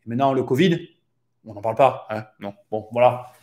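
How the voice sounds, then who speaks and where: A man's voice: mid-range voice, brisk, darkish tone. A man hosting a real estate podcast, speaking in a casual, opinionated monologue with rhetorical questions and frequent hesitations. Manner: hesitant, many fillers and restarts, rhetorical questions.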